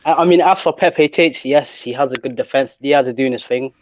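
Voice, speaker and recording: A man's voice: mid-range voice, a little fast, darkish tone, slight background noise. A man on a casual online football panel, sarcastic and teasing. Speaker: guest panelist. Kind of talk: casual online group chat. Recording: dull call audio.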